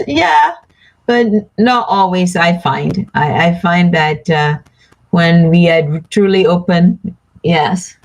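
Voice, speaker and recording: Female live-stream card reader, low pitch, unhurried, soothing, chatty with her audience. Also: low-quality recording. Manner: slow, soothing, chats with viewers by name. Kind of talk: live stream chat, reading cards.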